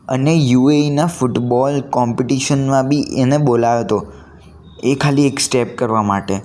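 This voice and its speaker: The speaker is a teenage male vlogger with a Gujarati accent whose mid-range voice has a darkish tone. He offers a casual, unscripted motivational talk to camera, earnest in spirit and colloquial, blending in English words.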